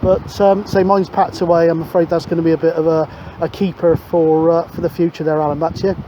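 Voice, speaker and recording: A matey man rambles on his CB radio outdoors by a windy sea, also narrating to camera. He talks fairly quickly in a fairly high, dark voice with little pitch movement, and the dull recording carries clear wind noise and outdoor ambience.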